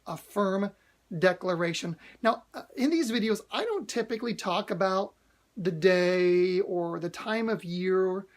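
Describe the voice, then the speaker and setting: A man's voice: high-pitched, unhurried. A man hosting a motivational video, talking earnestly to camera, repeating key phrases for emphasis and restarting often with fillers. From United States. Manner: hesitant restarts with frequent uhs.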